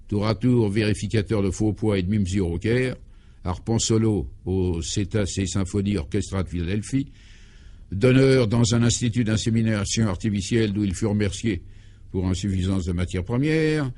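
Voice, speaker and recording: A man narrating a comic radio serial in a droll, mock-solemn way, dropping his voice low on the punchlines. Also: warm tone, a little hiss or hum.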